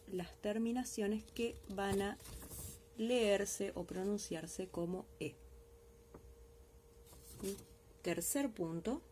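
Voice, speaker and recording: A woman's voice: mid-range voice, warm tone, slight background noise. A woman teacher giving a recorded language lesson, explaining patiently step by step and often checking in with her class. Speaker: French teacher.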